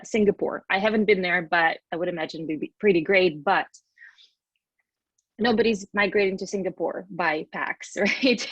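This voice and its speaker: Chatting casually and expressively as a podcast guest, a Russian-accented woman in her thirties from Western Siberia shares her story. She has a medium-pitched, slightly rough voice, and the recording has no echo.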